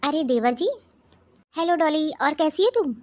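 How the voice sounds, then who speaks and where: A woman voicing a gossipy, scheming young sister-in-law in an animated cartoon, with sly asides. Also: sits high, measured pace. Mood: friendly.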